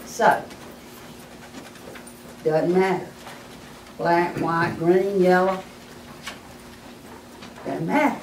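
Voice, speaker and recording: A woman presenting to an audience as a small business adviser, folksy and emphatic, her voice hoarse as she keeps clearing her throat. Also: fairly low pitch, fairly even intonation, extremely slow, long pauses, a little hiss or hum. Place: meeting room with an audience. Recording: echoey room from far off.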